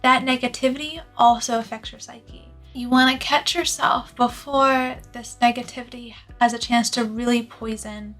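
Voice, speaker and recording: High-voiced woman, self-improvement YouTuber. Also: fairly bright tone. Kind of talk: scripted personal development advice to viewers, productivity YouTuber delivery.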